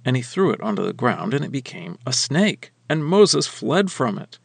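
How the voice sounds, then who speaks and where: Gravelly-voiced man reading scripture. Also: mid-range voice, sing-song, normal speed, no room sound. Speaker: scripture reader.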